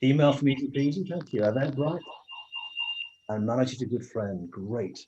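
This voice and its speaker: Warm and animated at a moderate pace, the man's medium-pitched voice greets each arrival to his online meeting. He's English, chats casually, and keeps restarting his sentences. The video call sound is muffled, with a little hiss or hum.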